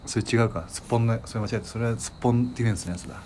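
Fast-talking guy, lowish voice, keeps poking with questions, faint hiss. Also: mellow. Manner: quick questions and teasing interjections. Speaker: podcast co-host. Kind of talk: casual chat.

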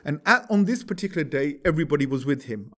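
A man's voice: a little high, animated, fast, a bit bright. Man telling a story in a lecture. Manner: conversational, asks "right?" to check in. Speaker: religious teacher.

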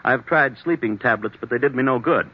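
Here the actor's voice sits mid-range, brisk and husky, close to how he'd normally talk. Still the anxious businessman with blackouts confiding in his doctor, he stays guarded, hesitant and earnest, growing agitated when pushed, all on a dull 1940s radio recording.

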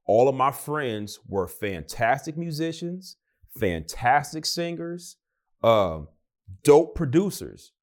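Young guy chatting casually, lively up and down voice, acts out what everyone said. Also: mid-range voice, slow. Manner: animated, acts out quoted voices. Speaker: guest. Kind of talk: casual storytelling.

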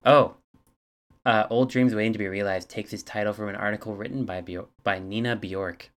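Deep-voiced man sharing album facts. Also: fairly even intonation, moderate pace. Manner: reads album facts from notes, hesitant fillers. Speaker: podcast co-host. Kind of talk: casual chat.

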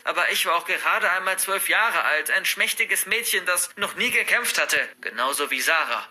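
A man's voice: on the high side, pushed and bright. A man narrating a scripted first-person horror story for bedtime in an earnest storytelling manner. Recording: faint background music.

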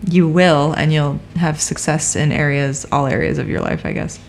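A woman's voice: deep voice, steady tone, normal speed, gravelly, a little mellow, slight background noise. A woman co-hosting a casual chat, joking and laughing as she reads tarot cards. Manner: joking, giggly, rambling. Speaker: podcast co-host reading tarot.

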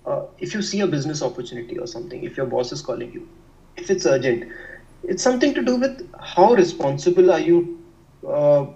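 A man's voice: fairly high pitch, expressive, brisk, dark tone, recorded from a distance, lo-fi sound. A young man from India with a North Indian accent, talking conversationally as an interview guest in an explanatory, self-repeating way. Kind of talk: conversational discussion of work life.

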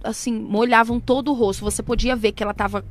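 A woman telling a personal story in a casual chat, animated and emotional, acting out quoted prayers and voices. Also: a little high, fast talker. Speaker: guest.

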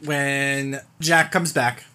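A man's voice: medium pitch, fairly even intonation, drawn-out words, bright, forceful tone. A man co-hosting a podcast in casual chat, rambling and filling his talk with loose asides. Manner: rambling, filler-heavy, loose. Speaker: podcast co-host.

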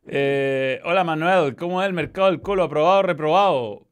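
A man with a fairly high pitch talks fairly quickly in a clean tone. He's a football show host with a Chilean accent, loose and foul-mouthed as he reads out chat messages in casual conversation.

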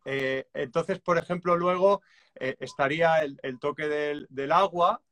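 Calm man explaining drum rhythms. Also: fairly high pitch, unhurried. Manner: calm and reflective, hesitant restarts, counts beats aloud. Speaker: guest musician and drummer.

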